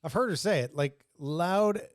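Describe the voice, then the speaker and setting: Deadpan man with a higher voice. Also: normal speed, no echo, clean studio sound. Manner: deadpan, crude one-liners. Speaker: podcast co-host. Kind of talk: casual comedic banter.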